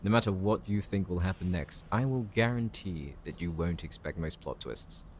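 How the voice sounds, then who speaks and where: Man acting a low-voiced, courteous professor. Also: normal speed, a little mellow, slight background noise, natural voice. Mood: courteous, helpful. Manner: polite, formal, composed. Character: courteous, bookish male professor, calm and considerate. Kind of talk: scripted audio roleplay addressed to the listener.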